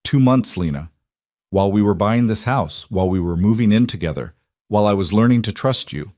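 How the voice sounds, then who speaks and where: Narrator as a bitter betrayed dad, hollow, sharp, accusing, lowish voice, dry close sound. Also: male voice, animated, fairly quick, no room sound, close to an everyday voice. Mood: angry. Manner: hollow, cold fury turning sharp. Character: betrayed, bitter single father, Daniel.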